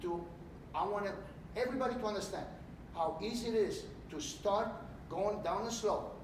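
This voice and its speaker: A middle-aged man from Romania, a political candidate giving an animated campaign speech in a large hotel meeting room. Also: sits high, moderate pace. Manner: animated, gesturing while speaking. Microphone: far camera. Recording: echoey room, distant mic, background noise.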